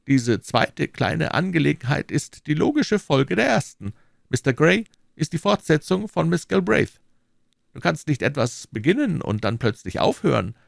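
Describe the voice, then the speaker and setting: A scheming persuader who talks down to his listener, coaxing and lecturing, as a man reads him in a raised, lively voice. The voice sits well above the reader's own and swoops about. It is a dry, close audiobook recording. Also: a little high, normal speed, vocal fry, no room sound, pitched above the performer's own voice, heavily acted. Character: scheming smooth-talking man, cold persuader. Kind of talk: audiobook character voicing.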